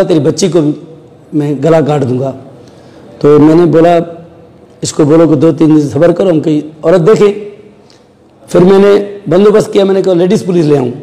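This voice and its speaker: Guy with a high mellow voice telling what happened, acts out the quotes, echoey reverb. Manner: storytelling, acting out quoted dialogue. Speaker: interviewee. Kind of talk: recounting events in a news interview.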